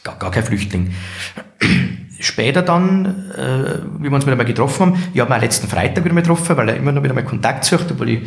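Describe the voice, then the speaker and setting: A middle-aged man with a Bavarian accent speaks fast in a medium-pitched, creaky voice with lively intonation. He is the managing director of a care home, appearing as an interview guest, and he tells anecdotes in an earnest, reflective way. The room is echoey.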